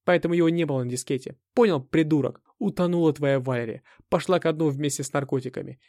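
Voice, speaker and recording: A man reading an audiobook, voicing a young woman who screams insults in a rage, with a gravelly voice. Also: fairly high pitch, fast talker, a little mellow, dry recording, clean studio sound, lightly acted. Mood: furious. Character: young woman, mocking then shrieking in fury.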